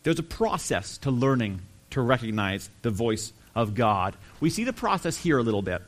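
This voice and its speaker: A man preaching a sermon, earnest and emphatic, slowing down to stress key phrases. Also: medium pitch, sing-song. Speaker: pastor.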